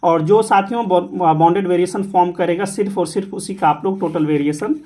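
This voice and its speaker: A man's voice: high-pitched, brisk, dark tone. A man giving an exam-prep maths lecture, mixing Hindi and English, repeating key rules and asking and answering his own questions. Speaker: maths teacher.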